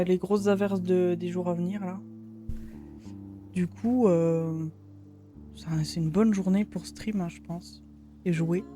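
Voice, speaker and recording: A young woman streamer chats her way through a live stream in a loose, filler-heavy manner. Her voice has a mellow, soft tone, and faint game music plays behind her. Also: mid-range voice. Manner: chatty, many fillers. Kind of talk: casual live-stream commentary.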